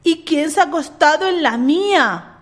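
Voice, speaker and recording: A woman voicing a gentle mother bear in a storybook, speaking more softly. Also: a little high, very animated, slow pace, heavily acted. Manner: softer, gentle voice.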